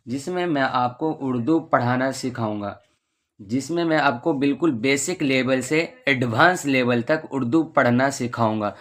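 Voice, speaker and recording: A man, a madrasa teacher, giving a patient beginner's lesson and reciting the alphabet slowly, letter by letter. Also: medium pitch.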